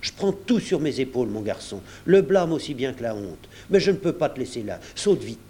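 A man voicing an earnest middle-aged doctor who speaks urgently and gravely. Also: medium pitch, very animated, a little fast, warm tone.

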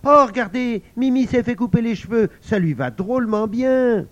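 A man's voice: extremely high pitch, animated, normal speed, pitched above the performer's own voice. A man doing a gushing, chatty schoolkid. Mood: excited. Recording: dull lo-fi recording.

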